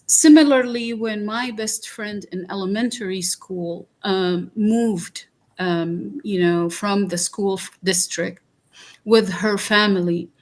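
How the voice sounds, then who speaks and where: Guesting on a talk podcast, an Iraqi woman talks in an earnest, slow way, pausing often and using many fillers. She has a medium-pitched voice and a steady tone.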